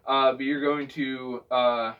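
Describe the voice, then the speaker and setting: A man's voice: medium pitch, flat delivery, slow, clear, resonant tone. Distant, dull-sounding man giving a casual tutorial. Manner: hesitant, rambling, repeats phrases. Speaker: vocal technique instructor.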